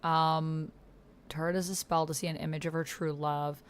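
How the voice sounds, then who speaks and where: Talking at normal speed in a low, level voice, a woman plays and hosts an online text roleplaying game. She explains things informally as she thinks out loud, now and then reading aloud, with slight background noise present.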